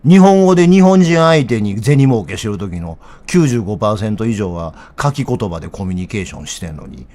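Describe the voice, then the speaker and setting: Kansai guy ranting about politics, blunt and rough, voice jumping all over. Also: lowish voice, very animated, a little fast, hardly any pauses, darkish tone. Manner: blunt, rough-spoken, heated. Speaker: political commentator. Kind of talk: casual political commentary.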